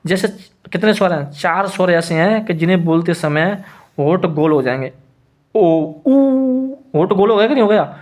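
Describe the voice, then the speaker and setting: Hindi man teaching grammar, higher voice. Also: a little fast. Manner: repetitive, asks and answers own questions. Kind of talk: classroom lesson explanation.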